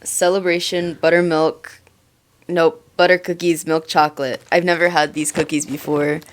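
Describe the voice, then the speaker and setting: A young woman from Pennsylvania, a guest in a casual interview chat, chatty and candid and quick to giggle. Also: sits low, little pitch movement. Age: young adult.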